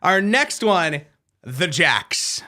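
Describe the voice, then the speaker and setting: A man hosting a radio trivia bit, with a high, bright voice. He swings his pitch widely as he teases and quizzes his co-host in a playful way. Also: drawn-out words. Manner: animated, playful quizmaster. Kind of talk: casual radio banter.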